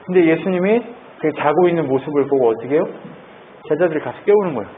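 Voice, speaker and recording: A male pastor giving a sermon, talking in a lively way and asking the congregation questions. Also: on the high side, fast talker. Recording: tinny phone-like sound, faint noise.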